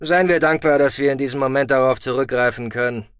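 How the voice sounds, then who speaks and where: A man voicing a calm, dryly humorous male space commander in an audiobook. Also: clean tone, no room sound, studio quality, close to an everyday voice. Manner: calm, measured, lower. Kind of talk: audiobook reading.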